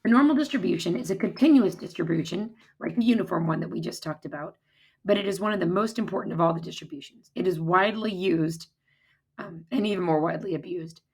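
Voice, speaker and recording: A woman with a hoarse, raspy voice that is giving out, explaining step by step as a math teacher in an informal recorded lecture. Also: lowish voice, fast talker, darkish tone, low-quality recording. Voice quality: husky, raspy, strained voice. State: hoarse, losing her voice, throat-clearing.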